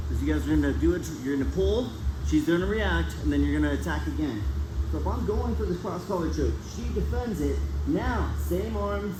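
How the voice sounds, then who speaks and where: A man coaching a martial arts class, demonstrating moves with short, direct commands and casually checking that students follow. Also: fairly high pitch. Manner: casual, checks understanding often. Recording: echoey room with clear background noise.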